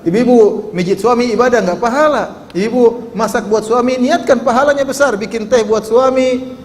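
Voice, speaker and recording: A man's voice: very high-pitched, moderate pace. A man preaching a sermon to a live audience, teasing them with questions and quoting Arabic with a chanting lilt. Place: large hall. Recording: echoey hall with faint ambience.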